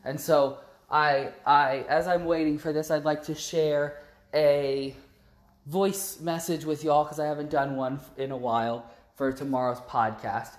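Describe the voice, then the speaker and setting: A man's voice: fairly high pitch, fairly even intonation, measured pace. A man rambling in a chatty, casual voice message that is played back on the show. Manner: rambling, chatty fan talk. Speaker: listener leaving a voice message. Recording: roomy voice message recording.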